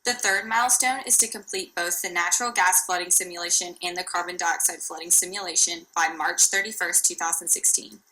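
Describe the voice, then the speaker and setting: A woman's voice: lowish voice, steady tone, a little fast, few pauses, bright, forceful tone, low-quality recording. A young woman from Texas, a student reading a formal class presentation, with the odd restart.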